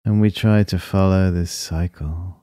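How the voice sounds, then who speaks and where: A man leading a guided breathing meditation in a calm, soothing, unhurried way, with short phrases and long pauses. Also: low-pitched, clear, resonant tone, dry recording, clean studio sound.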